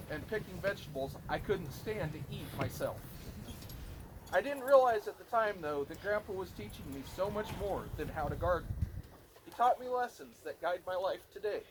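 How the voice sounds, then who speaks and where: A man reading a prepared eulogy for his grandfather from notes, now and then stumbling on a word. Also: high voice. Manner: reads from notes with occasional stumbles on words. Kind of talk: prepared eulogy read aloud. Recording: clearly noisy recording.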